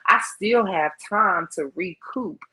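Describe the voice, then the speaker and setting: A woman's voice: medium pitch, takes it slowly, pushed and bright, low-quality recording. A woman in her thirties patiently explaining investing with simple examples in a casual chat. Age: 30s. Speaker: financial guest expert.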